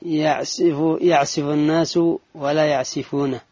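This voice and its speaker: A man reading a religious text aloud in a lesson, in a measured recitation with brief asides. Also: a little high, fairly even intonation, darkish tone. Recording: dull lo-fi dry recording.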